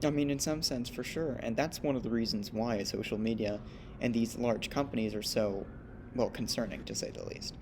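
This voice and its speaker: Male podcast co-host, mid-pitched and reflective; clear background rumble in the recording. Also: moderate pace. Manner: thoughtful, explanatory, many "right?" tags. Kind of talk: casual discussion.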